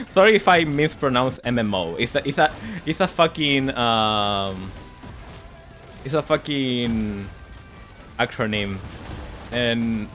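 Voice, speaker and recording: This man's voice sits at medium pitch and sounds a bit bright. Livestreaming a game, he chats casually in a Spanish accent, his native tongue being Spanish, and he laughs often, repeating words whenever he stumbles.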